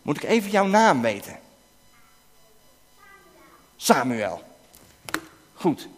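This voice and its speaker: A man preaches to children in a high, widely swinging voice, quizzing them and urging them on. He sometimes bursts into shouting, and a long reverb trails after his words through the hall. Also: very slow, a little hiss or hum. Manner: animated, coaxing questions to children, bursts into shouting. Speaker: preacher leading a children's talk. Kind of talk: interactive object lesson with children.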